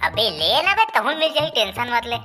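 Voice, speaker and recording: A woman's voice: fairly high pitch, very animated, normal speed, sharp tone. A woman playing a casual young male sidekick. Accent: Chhattisgarhi. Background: background music.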